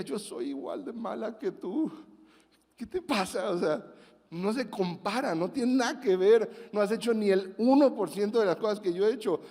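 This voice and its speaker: A man preaches a sermon in a high, light voice. He talks conversationally and acts out the quotes with animation. The sound rings with the long reverb of a large hall. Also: darkish tone. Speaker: pastor.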